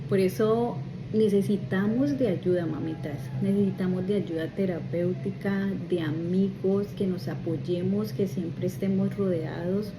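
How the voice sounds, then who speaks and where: A middle-aged woman, a grief coach softly and reflectively telling her personal story. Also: mid-range voice, noisy background. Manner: soft, reflective, heartfelt.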